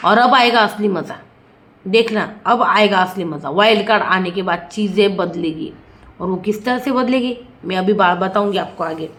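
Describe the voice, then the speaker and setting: A woman's voice: mid-range voice, moderate pace, fairly bright tone. A woman reviewing a reality show in opinionated, casual commentary. She sounds indignant and keeps firing rhetorical questions. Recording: echoey room.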